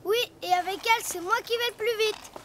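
An actress voicing Trotro, a playful, cheeky little male donkey in a children's cartoon, talking in a sing-song way. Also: noisy background. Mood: boastful. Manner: high, sing-song child voice, slow and clear. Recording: music playing behind.

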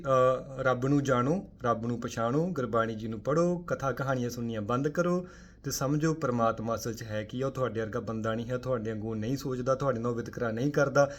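Emphatic man giving a Sikh spiritual talk. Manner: forceful, full of rhetorical questions; swings between loud emphatic bursts and quiet low asides.

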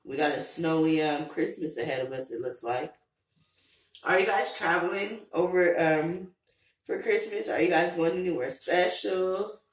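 A woman hosting a casual vlog, hoarse from being sick, chatty and full of questions for her viewers. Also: lowish voice, moderate pace. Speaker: vlog host. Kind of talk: casual chat. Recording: roomy echo, from far off the mic, faint noise.

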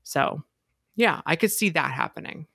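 A man's voice: fairly high pitch, animated, normal speed, vocal fry, bright, forceful tone, breathy edge, dry recording, clean studio sound. A man co-hosting a casual theme park podcast, talking in long run-on explanations and reacting with animation. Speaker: podcast co-host.

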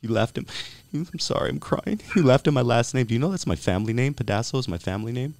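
A man chatting with a phone scammer in a playful, mock-friendly way, feigning sensitivity and warmth. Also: medium pitch, animated, fast, no echo. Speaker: prank caller. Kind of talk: mock-friendly prank call chat.

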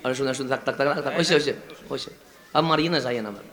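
A male preacher from Chittagong with a Chittagonian accent, giving a sermon at a religious gathering. He asks the crowd rhetorical questions in a call-and-response style and builds up to loud, drawn-out climaxes. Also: medium pitch. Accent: Chittagonian Bengali. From Chittagong, Bangladesh. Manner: repetitive, call-and-response delivery.

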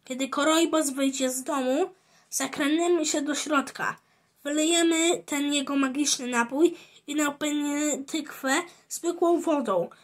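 A jealous, scheming boy from a children's story, as a woman reader puts him on. High, unhurried lines that stay plainly read aloud.

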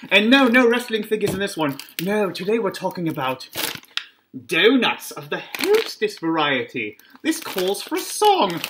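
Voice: medium pitch, sing-song, moderate pace, a bit bright. Joking snack reviewer through a costume mask. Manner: jokey, rambling, self-mocking asides. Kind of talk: casual food review vlog. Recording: clear background noise.

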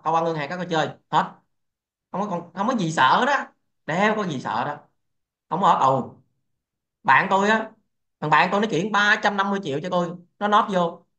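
A man's voice: fairly high pitch, fairly bright tone. A man hosting a crypto trading channel, lecturing bluntly and swearing freely in a casual livestream rant. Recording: echoey, dull lo-fi sound.

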